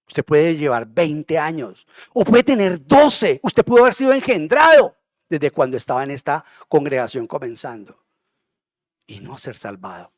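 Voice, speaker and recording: A male pastor delivers an impassioned sermon in church, moving between hushed passages and loud, urgent ones. His voice sits somewhat high for a man. The recording is dry, with almost no room echo. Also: very animated, normal speed.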